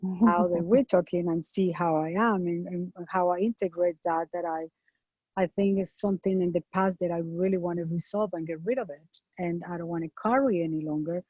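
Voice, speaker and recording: Woman, interviewer, chatty, husky voice, dull lo-fi recording. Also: lowish voice, fairly even intonation, a little fast, a little mellow, dry recording. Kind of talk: casual interview. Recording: dull lo-fi sound.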